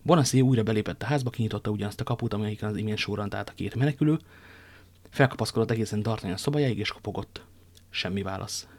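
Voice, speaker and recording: A man's voice: lowish voice, darkish tone, dry recording. A man reading a novel aloud as narrator, now and then stumbling and restarting. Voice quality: slips and restarts while reading. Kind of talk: audiobook reading.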